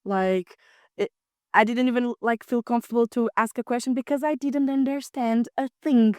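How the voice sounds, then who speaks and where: Warm, smooth and a little high, this young adult woman speaks at a moderate pace with fairly even intonation. As a student podcast co-host she tells stories chattily and performs the quotes within them, on a dry, studio-quality recording.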